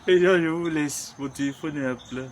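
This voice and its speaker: Male streamer, talkative and playful, higher-pitched, slight background hiss. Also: moderate pace. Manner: chatty, joking, repeats himself. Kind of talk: casual chat reacting to viewers.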